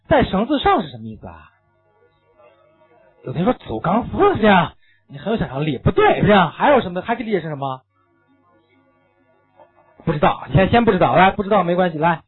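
A man with a high, husky voice gives an animated English reading lesson, peppering it with rhetorical questions and dropping English phrases into his lecture. The recording sounds tinny, like a phone.

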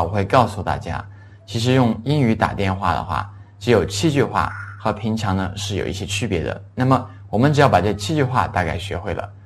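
Patient man teaching English vocabulary. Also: lowish voice. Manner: patient, explanatory, repeats key words. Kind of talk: recorded language lesson.

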